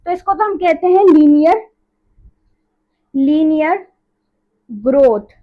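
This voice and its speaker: A woman's voice: sits high, expressive, slow, phone-quality sound. A woman teaching a maths lesson in a chatty, casual way, going over each step again and checking in often. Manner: chatty, repeats each step with "theek hai".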